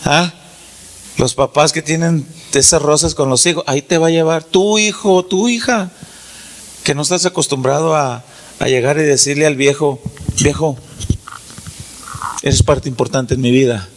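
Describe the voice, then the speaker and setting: A man preaching a sermon as pastor, pausing dramatically and acting out quoted dialogue. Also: a little high, steady tone.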